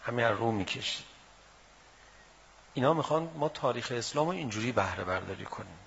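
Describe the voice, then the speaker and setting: Man, gravelly voice, impassioned sermon, rhetorical questions, muffled lo-fi recording. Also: mid-range voice, animated. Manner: impassioned, rhetorical questions, swings between loud and hushed. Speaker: preacher. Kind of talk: religious sermon with mourning narration. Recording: dull lo-fi recording with faint background noise.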